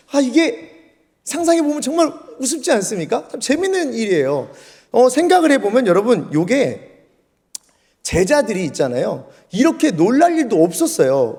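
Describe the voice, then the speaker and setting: A man's voice: high-pitched, breathy edge. A male pastor preaching a sermon in a church, telling the story vividly and acting out the scenes. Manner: lively storytelling, acts out scenes. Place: church sanctuary. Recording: long church hall reverb.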